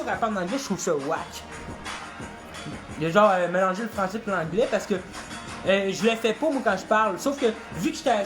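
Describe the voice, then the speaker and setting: A rapper with a Québécois French accent and a voice that sits high chats casually on a livestream. He freestyles, rambles, and swears often.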